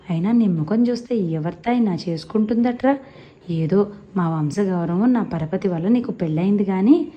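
Woman putting on a loud scolding old grandmother. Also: medium pitch, dull audio, natural voice. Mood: indignant. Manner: nonstop scolding, loud and forceful. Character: sharp-tongued old village grandmother, scolding.

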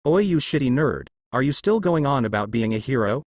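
A man's voice: mid-range voice, animated, fairly quick, no room sound, lightly acted. A man voicing an aggressive, mocking young bully in a narrated fan story. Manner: yelling, mocking. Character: angry spiky-haired bully boy, mocking and aggressive.

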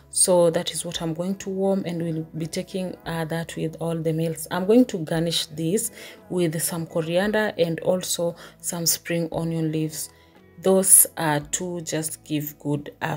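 A woman talks through her home cooking in a relaxed home-vlog way. Her voice is a little husky and sits fairly low. She explains each step calmly, pausing often on small "uh" fillers, with soft music behind her. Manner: calm step-by-step explaining with many "uh" pauses. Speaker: vlogger, stay-at-home mum. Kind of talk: casual cooking voice-over. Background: soft background music.

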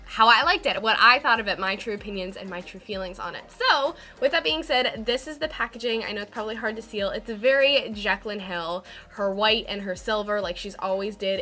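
A young woman chatting excitedly through a makeup review, her voice a little stuffy from a cold. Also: medium pitch. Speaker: beauty vlogger. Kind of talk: casual makeup review chat.

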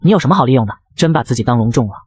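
A man's voice: medium pitch, lively intonation, rapid-fire, darkish tone, husky, no room sound, clean studio sound, pitched below the performer's own voice. A man voicing a blunt, dismissive young male student who talks curtly. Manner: curt, dismissive.

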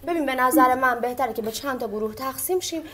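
An actress playing a commanding relative who organizes the search, brisk and coaxing. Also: female voice, high-pitched, fairly bright tone. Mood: bossy. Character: take-charge, organizing family woman.

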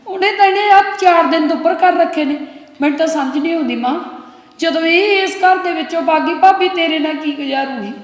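A woman's voice: very high voice, fairly quick, echoey room, in a large hall. A woman playing a sarcastic, indignant daughter. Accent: Punjabi. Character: indignant young daughter taking her mother's side.

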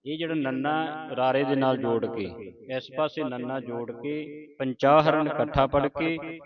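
A Punjabi man leads a slow, careful lesson in reciting scripture. He chants each line at an unhurried pace, then stops to explain how it should be pronounced. The sound is dull and lo-fi, and a gathered crowd can be heard behind him. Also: medium pitch, fairly even intonation. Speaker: Gurbani pronunciation teacher.

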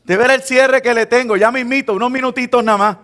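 Puerto rican pastor guy preaching, kinda high voice, jokes around with the congregation. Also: fairly even intonation, fast, fairly bright tone. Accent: Puerto Rican Spanish. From Puerto Rico. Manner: conversational preaching, teasing the congregation, acting out quoted believers. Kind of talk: sermon.

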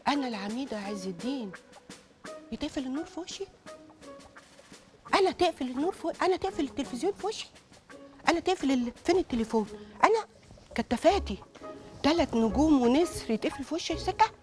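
Bossy egyptian lady warden, quick high voice, always offended. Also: animated, soft background music. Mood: outraged. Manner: blustering, indignant, self-important. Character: bossy, proud middle-aged woman prison warden and mother. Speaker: police brigadier, prison warden. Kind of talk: TV comedy drama acting.

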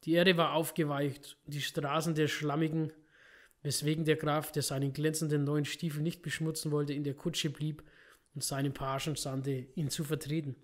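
A man's voice: on the high side, level tone, normal speed. A man hosting a game playthrough, reading in-game books aloud with small slips he corrects. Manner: reads narration steadily, with small slips and self-corrections. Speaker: let's play host.

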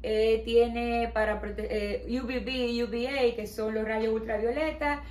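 A middle-aged Dominican woman with a somewhat high voice presents her skincare line in a measured promotional tone. She is heard from a distance in a small room with a noticeable echo. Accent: Dominican Spanish. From Dominican Republic. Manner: explanatory, promotional, steady with some hesitation fillers. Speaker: skincare company owner, interview guest. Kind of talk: product presentation in an interview. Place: small decorated showroom with balloons, indoors. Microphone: camera at a distance.

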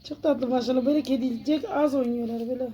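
A woman's voice: high-pitched, fairly even intonation, fast, mellow, lo-fi sound. A woman chatting casually in a home vlog, talking to viewers and calling and cooing to a cat. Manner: chatty, exclaiming, coos and calls to a cat. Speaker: home vlogger. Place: at home by an open door.

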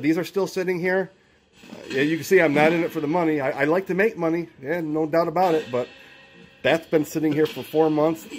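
A man, middle-aged, talking informally and ramblingly as he hosts a homemade video, recorded indoors on a handheld camera. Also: on the high side. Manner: informal, rambling, talks to himself. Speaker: video host. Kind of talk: casual vlog narration with questions called out to spirits. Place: indoors by a window in a room. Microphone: handheld camera, speaker off screen.

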